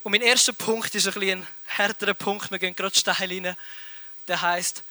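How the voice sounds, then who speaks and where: A man preaching a sermon, his voice high and bright. He retells scripture with animated emphasis and repeats words to drive points home. The sound is dry and close to the microphone. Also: moderate pace, dry recording.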